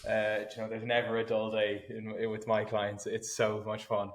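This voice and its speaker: A man's voice: fairly low pitch, monotone, moderate pace. A man, a fitness coach chatting as a podcast guest, self-mocking, rambling, laughing often. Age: 20s. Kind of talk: casual chat. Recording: roomy echoey room.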